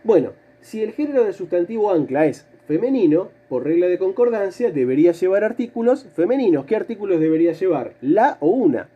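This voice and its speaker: A man's voice: sits high, very animated, fairly quick, few pauses, warm tone, slightly rough, muffled recording. A male teacher giving a grammar lesson. He patiently repeats key words, stretches syllables for stress and answers his own questions. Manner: asks questions and answers them himself.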